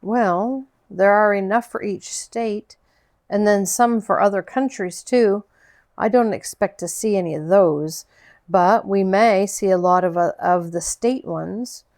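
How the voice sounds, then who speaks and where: A woman doing a calm, kindly older girl. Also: mid-range voice, measured pace, natural voice. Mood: calm, encouraging. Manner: calm and encouraging. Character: calm, kind older girl, big sister type.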